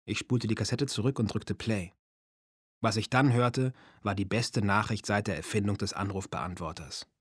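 A man reading a first-person story aloud as an audiobook narrator, in a measured storytelling manner. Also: on the low side, fairly even intonation, breathy edge, no echo, studio quality.

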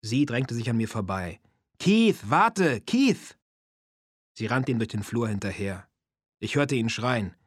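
Calm male audiobook narrator, dry sound. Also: fairly low pitch, moderate pace, dry recording. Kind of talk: audiobook reading of a memoir.

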